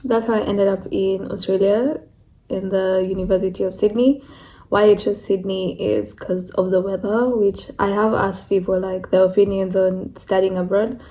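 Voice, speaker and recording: A woman's voice: mid-range voice, fairly even intonation, moderate pace, dark tone, rough recording. A young woman from Kenya, talking candidly in a casual vlog, with lots of "like" and "you know". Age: young adult. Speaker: international student vlogger.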